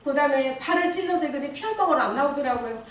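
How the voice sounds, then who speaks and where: A middle-aged woman stands before a church congregation and gives a personal testimony, acting out her own cries and prayers as she tells it. Her voice sits a little high. It comes from some distance and rings around a very echoey hall. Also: animated, quick pace, slight background noise. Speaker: church deaconess giving testimony.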